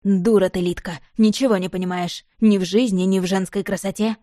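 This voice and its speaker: A woman reading the lines of a cold, heartbroken young man in her own even voice. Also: mid-range voice, a little fast, no room sound, studio quality, close to an everyday voice.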